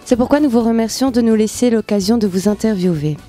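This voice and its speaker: Woman interviewer, formal and polite; higher, warm voice, light music bed. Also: fast.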